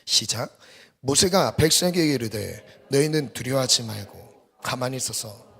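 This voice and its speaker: A man preaching a sermon as pastor, swinging from loud emphatic bursts to hushed near-whispers. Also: mid-range voice, lively intonation, moderate pace, gravelly, husky. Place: church sanctuary.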